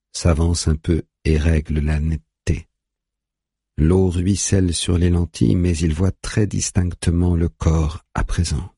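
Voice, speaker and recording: A man narrating an audiobook in a steady, measured way. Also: extremely low pitch, husky, no room sound, clean studio sound.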